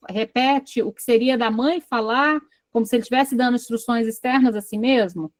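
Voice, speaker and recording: A Brazilian woman with a high voice runs an online psychoanalysis study group, reading a case aloud in a Brazilian Portuguese accent. She breaks off from the passage to quiz her class, and there's no echo.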